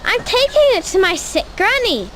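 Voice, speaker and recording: A woman's voice: extremely high pitch, sing-song, normal speed, heavy background noise. A woman playing a naive, sweet, cheerful little girl in a children's fairy tale, speaking in a wide-eyed, polite, exclamatory way. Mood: cheerful, delighted. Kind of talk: children's interactive storybook acting.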